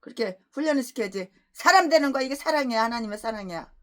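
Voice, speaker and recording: A woman pastor preaching an expository sermon, breaking into angry, abusive tirades that swing between shouting and low muttering. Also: lively intonation, fast talker.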